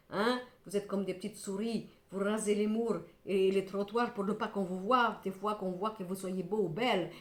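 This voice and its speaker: A woman's voice: medium pitch, reverberant. Emphatic middle-aged woman reading tarot cards. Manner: emphatic, scolding then consoling, repeats herself. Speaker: tarot card reader.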